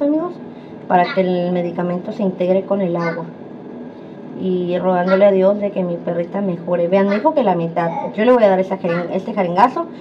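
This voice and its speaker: Fast-talking woman vlogger, lo-fi. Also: medium pitch. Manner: chatty, addresses viewers as friends. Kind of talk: casual vlog talk to camera. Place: home. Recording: dull lo-fi sound with clear background noise.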